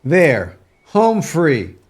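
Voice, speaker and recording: An actor playing a kindly, plain-spoken country rancher in a family drama, talking in a folksy old-prospector way. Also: male voice, on the high side, wildly swooping pitch, very slow, breathy edge, heavily acted. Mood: reassuring. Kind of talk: acted family film dialogue.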